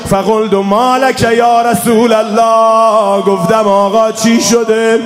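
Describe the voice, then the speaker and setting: A man's voice: sits high, flat delivery. A male preacher giving a mourning sermon, moving between plain speech and chanted quotations. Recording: echoey hall with music. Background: music.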